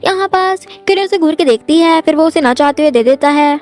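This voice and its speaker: A woman's voice: high-pitched, fairly quick, a little mellow. A woman narrating a drama recap in a storytelling manner, repeating the same linking phrases. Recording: faint background music.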